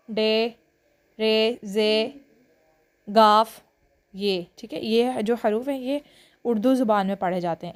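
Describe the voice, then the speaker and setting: A woman with a Pakistani Urdu accent teaching Quran reading, reciting letters one by one in a patient, drawn-out way and checking in often. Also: mid-range voice, darkish tone. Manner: patient, drawn-out letter names, frequent "theek hai" check-ins. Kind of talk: slow classroom lesson reciting letters.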